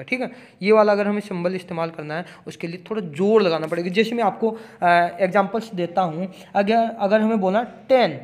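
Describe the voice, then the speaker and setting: A man teaching pronunciation and phonetic symbols in a casual classroom manner. He repeats each example word aloud and stresses sounds for emphasis, speaking words. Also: sits high. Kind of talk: classroom explanation.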